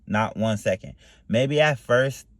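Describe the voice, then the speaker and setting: This Dayton, Ohio vlogger rambles loosely to camera, leaning on fillers and repeating "you know what I mean." He speaks slowly in a medium-pitched voice, and the recording has no echo.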